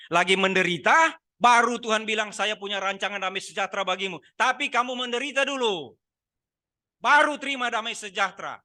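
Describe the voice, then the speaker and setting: A male pastor with a high, very bright and sharp voice delivers a conversational sermon. He keeps asking the congregation questions and teasing them. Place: church service.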